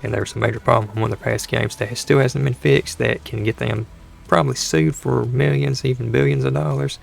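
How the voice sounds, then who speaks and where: This gaming channel host speaks briskly in a steady, mid-range voice that is gravelly, creaky and hoarse from a dry throat. He rambles with exasperation over gameplay and keeps restarting sentences, with faint music in the background.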